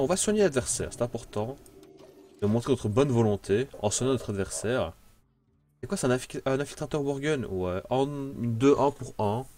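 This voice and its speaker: Thinking aloud while playing his own card game, a French-accented man offers casual, playful commentary. The recording is free of echo, and his mid-range voice has a somewhat dark tone.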